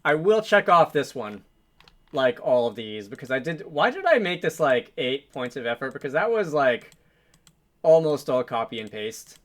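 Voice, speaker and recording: A very animated man with a mid-range voice leads a game development tutorial at a moderate pace. Talking casually without a script, he thinks aloud and muses to himself while working on a screen recording.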